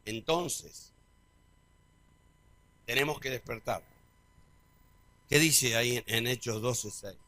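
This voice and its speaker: A middle-aged man preaching a sermon, calling out to the congregation and swinging from quiet to loud. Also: medium pitch, slow pace, pauses often. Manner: call-and-response preaching, big swings in loudness. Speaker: pastor.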